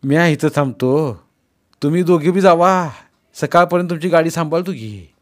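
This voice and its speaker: A man voicing a rough, defiant village cart driver who talks in rustic speech, raised and threatening, in a storybook reading. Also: a little high, moderate pace, voice pushed up, natural voice.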